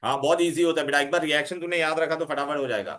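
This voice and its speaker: Bright-voiced Indian man teaching a class. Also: on the high side, rapid-fire. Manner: insistent, repeating himself and questioning students; mixes Hindi words into English. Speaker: chemistry teacher. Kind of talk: classroom teaching with questions and instructions.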